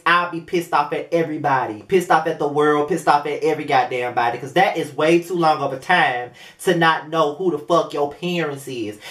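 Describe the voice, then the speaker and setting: A man's voice: fairly high pitch, a bit bright. A man in his late twenties talks straight to camera in a loose, rambling vlog review. He swears freely, circles back on himself and fills gaps with lots of ums. His voice carries a noticeable room echo. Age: 20s. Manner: blunt, profane, rambling with many fillers. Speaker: video reviewer. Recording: roomy echo.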